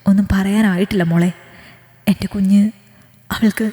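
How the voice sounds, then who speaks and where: A sorrowful older father speaks gently and quietly, as a woman voices him. Her tone stays warm and mellow. A roomy echo with a long reverb surrounds the voice. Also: mid-range voice, fairly even intonation, moderate pace, lightly acted. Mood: grieving. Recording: echoey room with long reverb.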